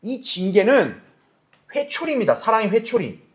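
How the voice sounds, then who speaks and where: A man's voice: high-pitched, very animated, normal speed, slight background noise. A male pastor teaching a Bible class, asking his listeners rhetorical questions and acting out little dialogues. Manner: acts out quoted voices in dialogue. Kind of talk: Bible study lecture.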